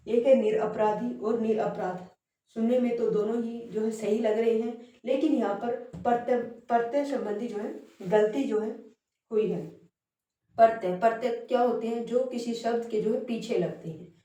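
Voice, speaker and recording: Woman teacher, mellow voice, far off the mic in a very echoey room, patient and repetitive. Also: fairly high pitch. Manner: explanatory, repeats words, frequent fillers. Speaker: Hindi teacher. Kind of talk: classroom lesson on spelling.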